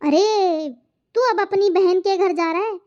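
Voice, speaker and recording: Shrill scolding mother-in-law. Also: a little slow, a little mellow, highs cut off. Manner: scolding, nagging, accusing. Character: scolding middle-aged mother-in-law, nagging and sharp-tongued. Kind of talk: cartoon moral story dubbing.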